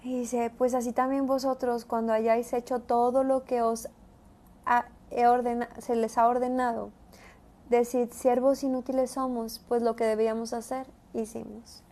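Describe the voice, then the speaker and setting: A woman's voice: a little high, little pitch movement, normal speed, warm tone. A woman giving a conversational devotional Bible teaching, often adding tag questions as she goes.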